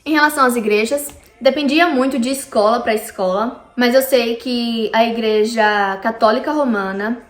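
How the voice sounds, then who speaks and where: A Brazilian vlogger living in Canada chats with her viewers about history, addressing them directly in a Brazilian Portuguese accent. Her voice is a little high, and she talks at a normal speed with hardly any pauses, in a reverberant space.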